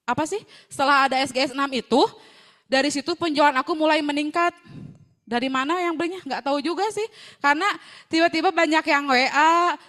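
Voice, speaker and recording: High-voiced woman, chatty. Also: a bit bright. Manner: chatty, devout, mixes in religious phrases. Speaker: seller sharing a success story. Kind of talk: personal testimonial.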